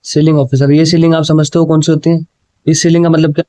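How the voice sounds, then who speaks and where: A man's voice: fairly high pitch, little pitch movement, warm tone, no room sound. Man teaching English exam questions in Hindi. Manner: explains in Hindi with English words, often says "ठीक है" and "भाई"; reads exam sentences slowly, word by word.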